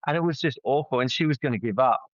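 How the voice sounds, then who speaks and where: A man appears as a podcast guest, the founder of a family program, telling stories in an earnest, conversational way. His medium-pitched voice moves at a quick pace, and he often repeats words as he restarts. The podcast audio is dry and slightly dull.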